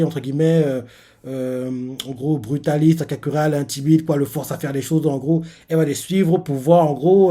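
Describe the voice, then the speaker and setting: A man reading a manga aloud on a live stream and reacting as he goes. He rambles, padding his sentences with fillers and repeats. His voice sits a bit high for a man. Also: mellow.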